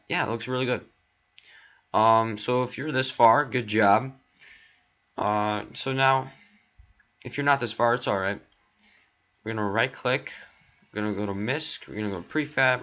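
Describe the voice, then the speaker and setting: A lowish, fairly bright male voice guides a casual screen-recorded tutorial. The tutorial maker clicks through each step, rambling and filling gaps with ums, with an occasional voice crack, all captured on a dull lo-fi mic.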